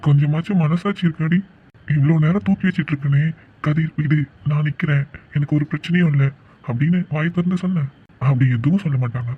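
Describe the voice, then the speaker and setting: A man's voice: fairly high pitch, fast, husky, phone-quality sound. A man voicing a joking young man who teases his sweetheart with mock-polite sarcasm in a cartoon love story. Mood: teasing. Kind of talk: cartoon voice acting.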